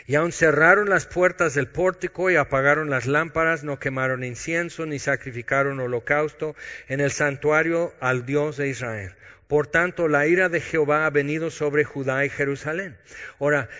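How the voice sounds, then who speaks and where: Pastor preaching, bright higher voice, booming then hushed, dull lo-fi sound with long hall echo. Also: male voice. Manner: animated, switching between loud emphasis and quiet intimate asides. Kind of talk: sermon.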